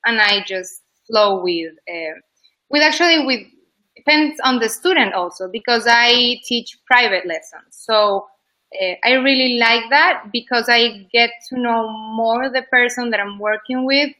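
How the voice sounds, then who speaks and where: A slightly high, bright and forceful female voice, a little slow, in poor audio. She's a yoga teacher from Ecuador in her 20s, talking casually as an interview guest about her work, loose and chatty with many "like" fillers.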